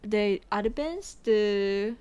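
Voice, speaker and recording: A woman's voice: medium pitch, animated, very slow, a little mellow, smooth. A young woman from Japan, speaking English as a second language with a Japanese accent, chatting as a podcast guest with frequent giggles and loose phrasing. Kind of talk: casual podcast chat.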